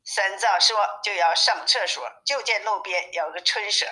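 A woman reading a classic tale aloud with plain, steady narration. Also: mid-range voice, normal speed, low-quality recording. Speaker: storyteller. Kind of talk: storybook reading.

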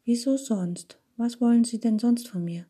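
A woman's voice: on the high side, moderate pace, mellow, slightly rough. A woman voicing a proud, indignant male chess master confronted at gunpoint. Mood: startled.

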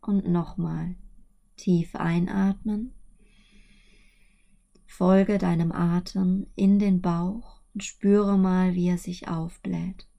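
Woman, sleep-story meditation narrator, very slow pace, mellow dark tone, soothing, soft and hushed. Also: fairly low pitch, flat delivery. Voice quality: soft, breathy. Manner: soothing, hushed, often near whisper.

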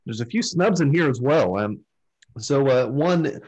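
A man's voice: mid-range voice, lively intonation, unhurried, darkish tone, dull audio. A man hosting a casual sports chat, who runs through team lists and puts questions to his co-hosts. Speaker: podcast host.

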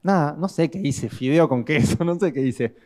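A young man with a Rioplatense Spanish accent preaching a sermon, telling stories dramatically and swinging between loud and hushed delivery. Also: on the high side, animated, normal speed. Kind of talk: sermon with storytelling.

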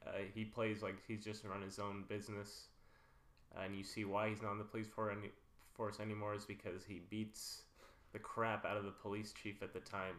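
A man's voice: fairly low pitch, fairly bright tone, roomy sound. A man co-hosting a film podcast, chatting casually and with strong opinions, trailing off into fillers. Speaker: podcast co-host.

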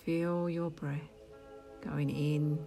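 Woman meditation guide, soft half-whisper, unhurried, over gentle music. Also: low voice, flat delivery, vocal fry. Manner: slow, soft, half-whispered with long pauses.

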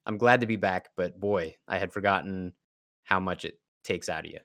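A tired man, slightly hoarse from yelling, hosting a podcast in casual chat. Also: sits low, moderate pace. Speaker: podcast host.

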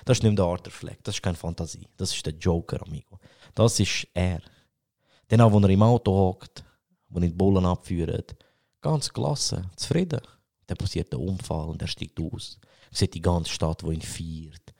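A young Swiss man with a low, gravelly voice and a Swiss German accent. His tone is dark and mellow, and he talks in an excited, casual way, full of swearing and repeated words. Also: normal speed. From Switzerland. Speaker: podcast host. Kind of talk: casual film talk.

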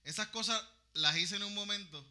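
Man, co-host, casual chat, thinks aloud, repeats phrases, bright voice. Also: high voice, moderate pace. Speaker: podcast co-host.

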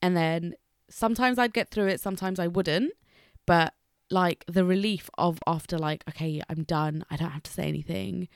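A young woman in casual conversation, speaking haltingly with long pauses between sentences, many restarts and words that get stuck. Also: fairly low pitch, gravelly, clear, resonant tone, no echo, studio quality. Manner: hesitant, with many restarts and fillers.

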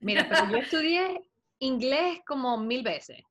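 Woman in a casual chat, fairly high and very lively voice, faint noise behind. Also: measured pace.

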